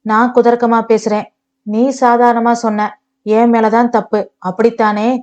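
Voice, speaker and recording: A woman's voice: on the high side, little pitch movement, measured pace, a little mellow, dull audio, natural voice. A woman voicing a bitter, sarcastic young husband who mocks and accuses his wife. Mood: angry. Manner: mocking, accusing.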